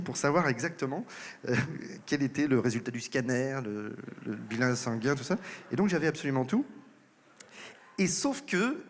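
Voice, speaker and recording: A male comedian telling a lively story to an audience on stage, acting out the voices of the people in it. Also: medium pitch. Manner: lively anecdote telling, acts out quoted voices. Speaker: comedian and impressionist. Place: large concert hall stage. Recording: live hall reverb. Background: audience laughter.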